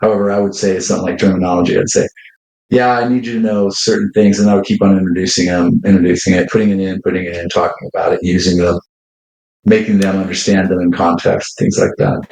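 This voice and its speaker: Low-voiced man explaining in a roomy space. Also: level tone, fast, vocal fry, darkish tone. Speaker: teacher, former driving instructor. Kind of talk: casual conversational chat.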